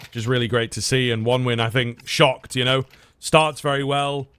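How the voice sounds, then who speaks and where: Clear-voiced male esports caster. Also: mid-range voice, fairly even intonation, normal speed, fairly bright tone. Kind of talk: live esports analysis and commentary.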